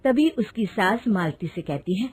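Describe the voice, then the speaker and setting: A woman narrating a family story in a scripted, even manner. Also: medium pitch, normal speed, breathy edge.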